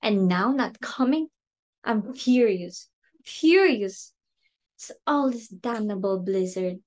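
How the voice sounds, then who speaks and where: This woman's mid-range voice is expressive, slow and a little mellow. She is performing an amateur play reading as a haughty, irritable society hostess and mother fixated on status, and her delivery is theatrical and indignant.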